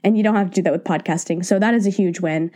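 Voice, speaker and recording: A woman with a cold talks on her solo podcast from the floor of her home office, her lowish, darkish voice a little nasal and congested. She speaks quickly and chats casually, encouraging listeners and poking fun at herself.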